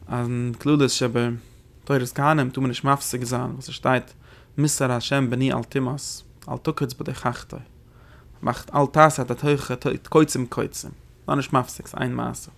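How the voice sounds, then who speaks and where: Gravelly-voiced man teaching a text lesson. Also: medium pitch, flat delivery. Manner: rapid explanatory delivery with rhetorical questions. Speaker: Torah teacher. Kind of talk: lecture explaining religious texts.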